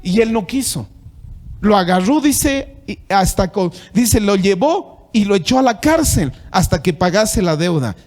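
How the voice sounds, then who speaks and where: High-voiced Bolivian pastor preaching. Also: male voice, sing-song, unhurried, a little mellow. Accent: Bolivian Spanish. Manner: preaching with rising emphatic pitch when reading scripture; repeats words and restarts while searching for phrasing. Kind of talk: sermon.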